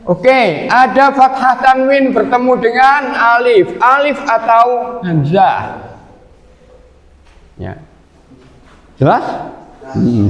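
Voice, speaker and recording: A man's voice: very high voice, a bit bright. A man teaching a class, patiently quizzing students and chanting verses now and then. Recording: echoey room with long reverb.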